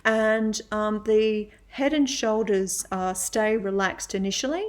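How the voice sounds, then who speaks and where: Slow, measured woman lecturing on health. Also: medium pitch. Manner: slow, measured explaining with frequent "um" pauses. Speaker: women's health physiotherapist and yoga teacher. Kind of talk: educational webinar lecture.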